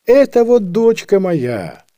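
A humble old peasant woman begs in a drawn-out, sing-song wail, her voice lifted high above a grown man's own, as a male reader puts her on. The lament crawls slowly, rising and sinking as she pleads. It is a lively storybook voice with a mellow, dark edge. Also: no room sound, studio quality, full character voice. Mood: pleading.

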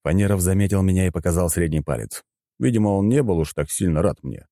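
A male narrator tells a first-person adventure story in a steady, even manner. His voice is very low and mellow, and it sounds dry and close to the mic. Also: fast talker, no room sound.

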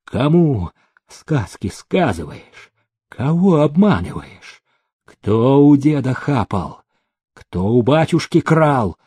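A man's voice: mid-range voice, big pitch swings, slow, breathy edge, dry recording, exaggerated voice. A man voicing a hot-tempered young male heir who threatens and barks orders. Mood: furious. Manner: menacing, shouting threats.

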